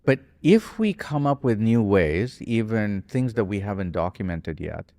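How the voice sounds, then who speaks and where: A low-voiced man in his forties talks on a podcast, his pitch rising and falling with feeling. He rambles thoughtfully and corrects himself as he goes, and the sound carries a long hall-like reverb. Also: lively intonation, measured pace, a little mellow. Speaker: podcast guest. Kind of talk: casual conversation.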